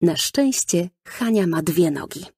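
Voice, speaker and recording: Woman reading a kids audiobook, lowish husky voice, dry close mic. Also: lively intonation, a little slow, darkish tone, dry recording. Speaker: audiobook narrator. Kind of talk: scripted children's story narration.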